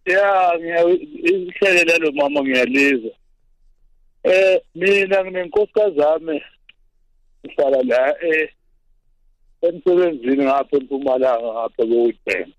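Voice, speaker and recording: A South African man phoning a radio show, giving a personal account in a halting, repetitive way over a phone. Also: a little high, no room sound. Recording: dull lo-fi phone-in line.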